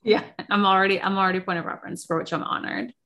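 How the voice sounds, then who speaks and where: A woman's voice: medium pitch, steady tone, fast talker, a bit bright. A woman in her thirties hosting a casual pop culture podcast, chatting in a conversational way. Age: 30s. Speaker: podcast host.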